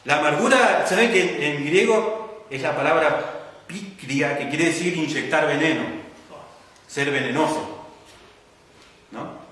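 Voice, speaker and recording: This Argentine-accented preacher has a fairly high, fairly bright voice and speaks unhurriedly with long pauses. He teaches his congregation patiently, posing questions and ending lines with "¿no?", in an echoey church hall recorded from afar.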